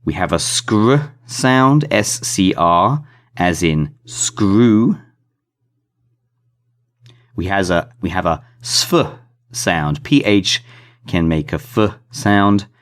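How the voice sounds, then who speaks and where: A man's voice: low voice, expressive, extremely slow, long pauses. A man teaching an English phonics lesson, spelling out letters and sounding out blends with careful emphasis on each keyword. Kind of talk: slow, deliberate phonics lesson.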